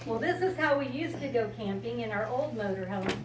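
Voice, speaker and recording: Visiting a group of young children, an older American storyteller and RV enthusiast, 60s or beyond, talks informally and reads them a picture book, keeping explanations simple. She speaks a little fast in a fairly high, expressive voice, captured by a distant mic in an echoey room full of loud background noise.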